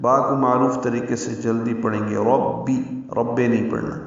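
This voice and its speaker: A man teaching Quran recitation rules, methodically sounding out letters and repeating words slowly. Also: medium pitch, flat delivery. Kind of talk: tajweed lesson in Urdu. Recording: very echoey, distant, dull sound.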